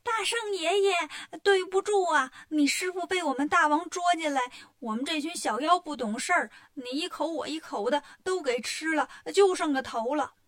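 A woman voicing a timid little male demon minion who calls out in a high, anxious voice in a storybook tale. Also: moderate pace, few pauses, a bit bright. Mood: fawning.

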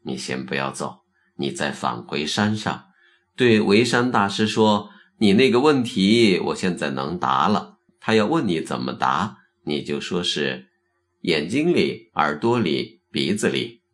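A man voicing a blunt, quick-witted young Zen disciple in a told story, low and deliberate. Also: lively intonation. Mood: advising. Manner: plain-spoken, direct.

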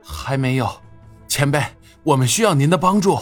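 A man's voice: fairly high pitch, lively intonation, normal speed, faint music behind. Man voicing an earnest young hero. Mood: pleading. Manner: earnest and pleading. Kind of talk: audio drama acting.

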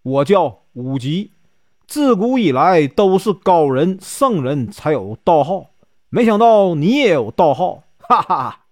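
A man's voice: a little high, sing-song, a little mellow, dry recording, clean studio sound. A man with a Northeastern Mandarin accent voicing a brash, jeering young woodcutter in a told folk story. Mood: mocking. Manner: jeering, quick to laugh and complain.

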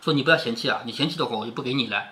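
A man's voice: mid-range voice, very fast, pushed and bright. A man reading a classic novel aloud to his daughter, stopping often to explain it in a chatty way and tossing in tag questions. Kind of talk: storytelling with explanatory commentary.

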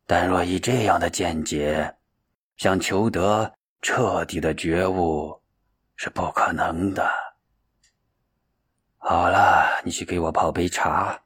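A grave, aged Zen master speaks in a low, husky voice and weighs every word slowly, as a male storyteller puts him on. He keeps his calm through long, measured pauses in a storybook telling. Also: heavily acted. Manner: slow, weighty, sighing.

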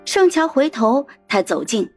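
A woman reading a novel as an audiobook narrator. Her voice sits somewhat high and moves in lively, melodic swings. She tells the story with expressive flair. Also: measured pace, faint music behind.

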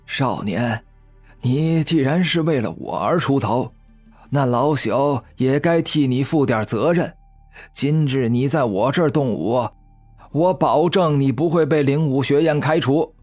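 A man doing a slow, calm old master. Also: mid-range voice, soft background music, lightly acted. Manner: slow, measured, kindly authority.

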